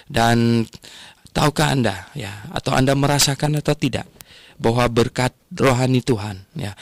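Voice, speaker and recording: Animated male radio preacher, dry sound. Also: medium pitch, no room sound. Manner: animated storytelling, frequent "ya" tags. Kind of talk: radio sermon.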